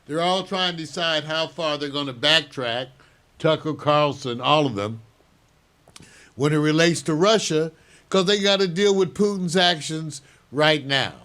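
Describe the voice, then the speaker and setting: An older man hosting a show, giving measured, opinionated news commentary and chuckling now and then. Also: a little high, fairly bright tone. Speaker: show host.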